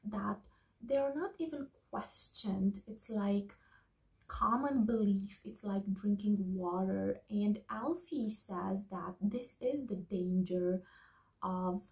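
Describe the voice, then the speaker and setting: A woman giving a soft-spoken ASMR book review, talking slowly and slipping into whispers. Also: medium pitch, gravelly, poor audio. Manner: slow, soft, partly whispered talk.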